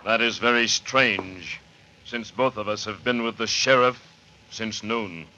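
Slow, solemn, noble western hero. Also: male voice, lowish voice, bright, forceful tone, highs cut off. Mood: solemn, calm. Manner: measured, formal, solemn. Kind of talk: 1940s radio western acting. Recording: noisy vintage radio recording.

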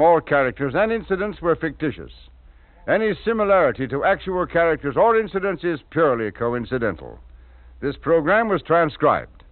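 A man hosting a radio drama program, speaking in a smooth, formal announcer manner, heard as an old broadcast disc transcription. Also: fairly high pitch, no echo, narrow, tinny audio. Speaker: radio show host.

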